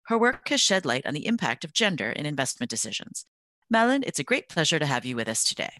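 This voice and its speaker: A woman's voice: deep voice, quick pace, no room sound. A woman hosting a podcast, reading a polished introduction and asking questions. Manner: bright, lively, polished. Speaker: podcast host.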